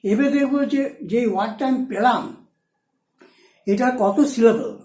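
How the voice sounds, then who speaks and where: A woman teaching a shorthand class, explaining each rule slowly and repeating the key points. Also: fairly high pitch, expressive, mellow, echoey room, low-quality recording. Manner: repeats key points, switches between Bengali and Hindi. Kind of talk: explaining rules step by step in a lesson.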